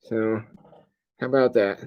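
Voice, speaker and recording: Groggy, medicated middle-aged man speaking haltingly. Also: lowish voice, fairly even intonation, clean tone, lo-fi sound. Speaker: pastor. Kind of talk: casual livestream update to congregation. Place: hospital room.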